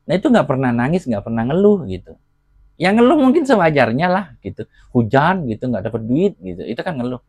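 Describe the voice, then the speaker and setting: A middle-aged man, a preacher being interviewed, telling his life story in casual, reflective speech that often drops quieter. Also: medium pitch, big pitch swings, fairly quick, husky, no echo. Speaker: guest, convert preacher.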